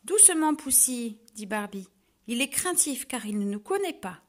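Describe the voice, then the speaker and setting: A woman reading a children's storybook, voicing a cheerful, caring young woman in a high, eager, sing-song voice. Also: expressive, moderate pace, natural voice.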